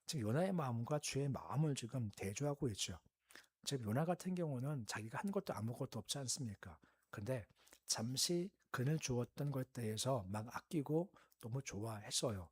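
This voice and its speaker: A male pastor giving an early-morning prayer sermon, explaining in a calm conversational teaching tone and asking the listeners questions. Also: mid-range voice, moderate pace, husky.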